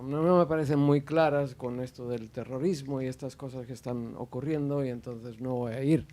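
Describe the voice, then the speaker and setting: A man with a warm, mid-range voice speaks spontaneously as an audience member at a panel discussion. His remarks are hesitant and riddled with fillers and restarts.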